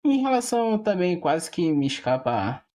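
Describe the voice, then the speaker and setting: A man's voice: high voice, very animated, moderate pace, darkish tone. A Brazilian man giving a rambling, casual monologue to viewers, hesitant and often repeating or rephrasing himself. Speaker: video creator.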